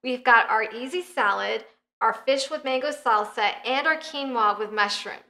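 Her voice is a little high, creaky, bright, and forceful, moving at a moderate pace. As a cooking show host, this American woman in her thirties explains a recipe step by step in a conversational way, indoors in a home kitchen with background music behind her.

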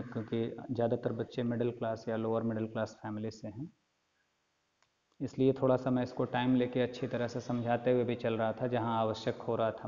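Mellow-voiced male teacher in an echoey room. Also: medium pitch. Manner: reads the English text aloud very slowly, then explains it in detail. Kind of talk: classroom lecture explaining an English textbook chapter in Hindi. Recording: lo-fi recording with long echo.

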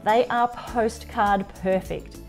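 A woman's voice: mid-range voice, steady tone, takes it slowly, darkish tone, soft background music. A woman in her forties with an Australian accent, presenting a travel road trip with upbeat, encouraging narration. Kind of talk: travel narration and car chat. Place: inside a moving car.

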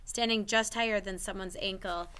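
A woman's voice: medium pitch, fairly even intonation, moderate pace, pushed and bright, clean tone. A woman reading a children's novel aloud chapter by chapter, voicing the characters' lines with expression.

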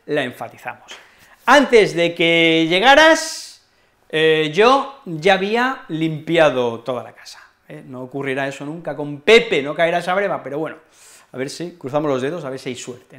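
A man with a Spain accent giving an online Spanish lesson. His voice sits notably high, and he explains in a chatty, playful way. He keeps checking in with tag questions. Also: fairly bright tone. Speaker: Spanish teacher.

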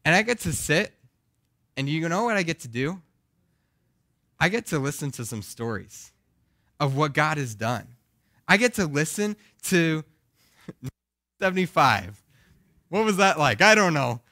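Earnest young pastor with a groggy voice. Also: male voice, on the high side, sing-song, measured pace, pauses often, pushed and bright, no room sound, clean studio sound. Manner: earnest, asks the congregation questions. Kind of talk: sermon.

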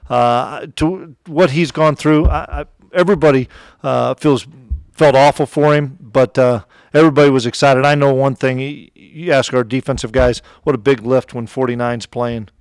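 Speaking into a close table mic before a sponsor backdrop, this coach fields postgame questions with a smooth, mid-range voice at a moderate pace. He's a middle-aged man from the Upper Midwest, easygoing and plainspoken, often restarting and using fillers. The sound is dry and studio-clean.

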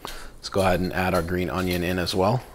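Young guy with a low voice doing a chatty cooking vlog in his kitchen, lots of um and uh. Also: flat delivery, fairly quick, heavy background noise. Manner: chatty, enthusiastic, many fillers. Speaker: cooking channel host. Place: home kitchen.

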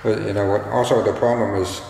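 A man talks slowly through a casual hands-on tutorial, his voice bouncing around a very echoey, hollow room. He is tentative and halting, feeling his way as he goes. His voice is fairly low with a gravelly creak. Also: level tone, a little mellow. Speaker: do-it-yourself demonstrator. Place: bare, echoey indoor room. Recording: strong echo, hollow reverberant room, faint noise.

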